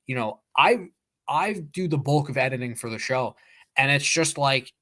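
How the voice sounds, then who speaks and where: A man's voice: medium pitch, fairly bright tone. A man co-hosting a podcast, talking casually and emphatically, with lots of "like" fillers. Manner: talkative, emphatic, many "like" fillers. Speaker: podcast co-host. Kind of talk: casual chat.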